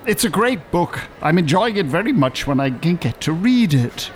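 An older man, lively, bookish and sarcastic, talks at a normal speed in a voice on the high side, sounding exasperated. It's naturalistic radio drama acting, and his manner is polite, dry and articulate. Faint urban background noise from a shopping centre can be heard.

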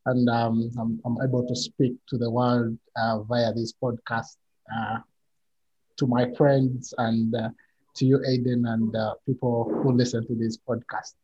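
A man's voice: medium pitch, little pitch movement, breathy edge. Man on a muffled video call. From Uganda. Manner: measured, many pauses and fillers. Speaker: podcast guest. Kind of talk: conversational interview answers.

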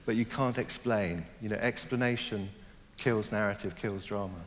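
A middle-aged man talks through his ideas in an interview, slowly and reflectively, often pausing and restarting his sentences. His voice sits fairly low. The room has a long reverb and a faint hum in the background. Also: fairly even intonation. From born in Germany, raised in Hong Kong. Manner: thoughtful, hesitant, many fillers and restarts. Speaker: novelist, interview guest.

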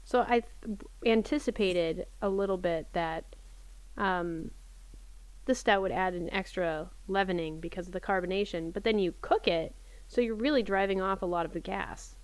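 Clear-voiced woman in casual podcast chat. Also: medium pitch, normal speed, no room sound, poor audio. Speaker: podcast co-host.

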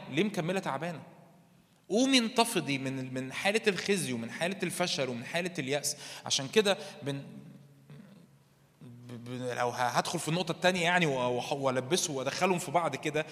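Fervent Egyptian preacher in a reverberant hall. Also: male voice, fairly high pitch, expressive, quick pace. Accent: Egyptian Arabic. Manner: fervent, rising to loud emphatic peaks; asks the crowd questions and answers them himself. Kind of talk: sermon. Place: church meeting hall.

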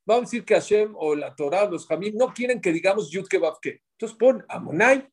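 A man's voice: high-pitched, animated, a little fast, husky. A man teaching a Torah class to a small group, explaining points and asking the group questions before answering them himself.

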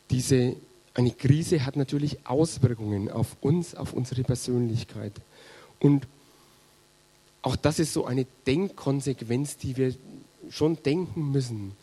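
Earnest German preacher with a husky voice. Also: male voice, medium pitch, measured pace, dark tone. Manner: earnest, pastoral, addresses congregation directly. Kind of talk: sermon.

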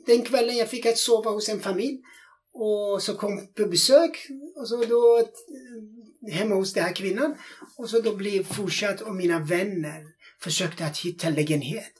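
In an interview, a man with a high-pitched voice shares his personal faith testimony in non-native Swedish. He acts out the dialogue in his story with real feeling.

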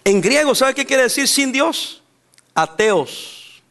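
A man from El Salvador with a Salvadoran Spanish accent, preaching a sermon in a church, emphatic, with bursts of laughter and loud outbursts. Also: extremely high pitch, expressive, slow. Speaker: pastor.

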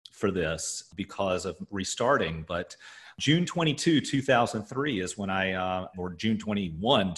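A man co-hosting a podcast in casual chat, his voice echoing around an empty office, talking in halting, rambling stretches full of fillers. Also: mid-range voice, a bit bright. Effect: echoey sound from an empty office. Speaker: podcast co-host.

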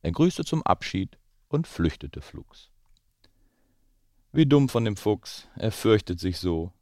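A man reading a rhyming children's book aloud, slow and expressive. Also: lowish voice, no room sound, studio quality. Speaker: goalkeeping coach reading aloud.

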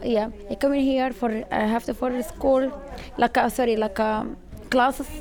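A young woman with a Sudanese accent answers informally in halting, simple, non-fluent English. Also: fairly high pitch, steady tone. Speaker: interviewee, church community member. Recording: busy room with background chatter.

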